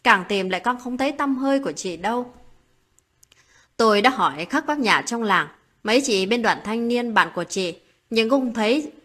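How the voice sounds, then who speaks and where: Husky lady reading a late night story, calm steady voice. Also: on the high side, moderate pace.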